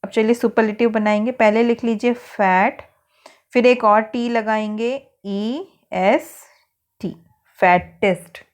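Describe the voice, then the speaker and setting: A woman's voice: fairly high pitch, fairly even intonation, takes it slowly, muffled recording. Indian woman teaching English grammar patiently. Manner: patient, spells words out letter by letter. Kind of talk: worksheet lesson for schoolchildren.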